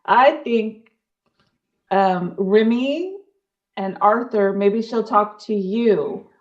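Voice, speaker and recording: A woman playing in a tabletop game talks her plans through out loud. Her voice sits at a middle pitch, and the recording is dull and lo-fi. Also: extremely slow. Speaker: player. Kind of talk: casual tabletop play. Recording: dull lo-fi sound.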